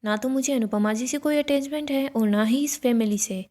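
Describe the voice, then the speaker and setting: A woman's voice: high-pitched, normal speed, warm tone, close to an everyday voice. A woman reading the lines of a proud young woman who mocks and provokes others, in a spoken recap of a TV serial. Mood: taunting. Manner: mocking, provoking.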